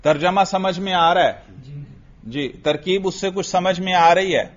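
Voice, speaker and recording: A man teaching Arabic grammar in a slow, patient way, quizzing students with repeated questions and drills. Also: high-pitched, highs cut off. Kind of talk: classroom grammar lesson with drills.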